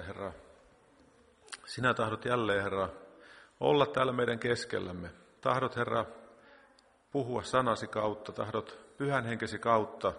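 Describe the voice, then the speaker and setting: A man leads a congregation in prayer, dropping "Lord" between nearly every phrase, and later reads out the week's notices. His mid-pitched voice carries a long echo from the church hall around him. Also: vocal fry, bright, forceful tone. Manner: prayer punctuated by constant repeated "Lord". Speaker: church meeting leader. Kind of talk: spontaneous prayer and announcements.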